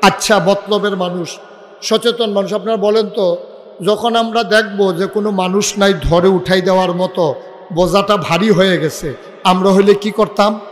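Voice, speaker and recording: A male preacher gives a fiery storytelling sermon at an outdoor gathering, shouting for responses from the crowd and cracking jokes. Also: high-pitched, steady tone, moderate pace, big-room sound.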